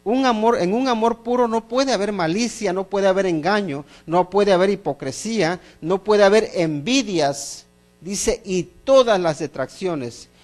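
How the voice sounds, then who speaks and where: Emphatic middle-aged male preacher, higher voice. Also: unhurried, darkish tone, faint music behind. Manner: emphatic, repeats phrases in lists, asks the congregation questions. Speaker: pastor. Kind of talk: sermon.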